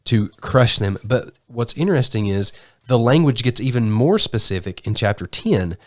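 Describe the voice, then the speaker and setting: A man's voice: mid-range voice, expressive, moderate pace, no room sound, studio quality. A man with a sick voice, co-hosting a casual Bible discussion podcast and often restarting his sentences. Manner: restarts often, self-correcting. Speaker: podcast co-host. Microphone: studio mic.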